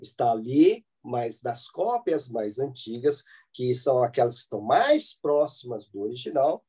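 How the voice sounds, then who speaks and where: Husky, mellow Brazilian teacher lecturing. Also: male voice, mid-range voice, big pitch swings, normal speed. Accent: Brazilian Portuguese. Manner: explanatory, with frequent "né?" and "tá?" check-ins. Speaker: theology teacher. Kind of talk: church classroom lecture.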